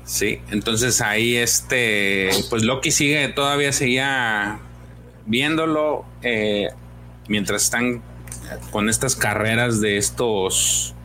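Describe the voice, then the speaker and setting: A man co-hosting a comics podcast recaps a story in casual chat, hesitant, full of fillers, and acting out the dialogue. His medium-pitched voice is bright and forceful but slow, with slight background noise.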